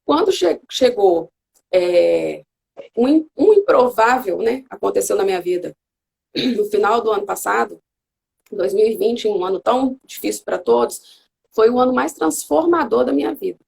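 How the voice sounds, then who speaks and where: A woman's voice: medium pitch, lively intonation, normal speed, vocal fry, a little mellow, slight background noise. A Brazilian woman talking earnestly as a guest mother on a live video call, telling her story in a heartfelt way. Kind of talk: casual live video chat.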